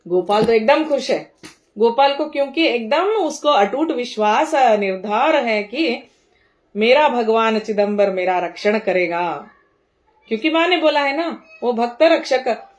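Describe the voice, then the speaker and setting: Woman preacher, fairly high voice, unhurried delivery, recites verses and explains them like a story. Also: lively intonation. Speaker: devotional speaker. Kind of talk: sermon explaining devotional verses.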